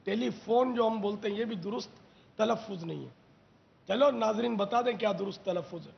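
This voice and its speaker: Gravelly high-voiced man, unhurried scholar. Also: muffled recording. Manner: unhurried, explanatory, quizzing. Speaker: religious scholar host. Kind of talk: relaxed religious TV talk.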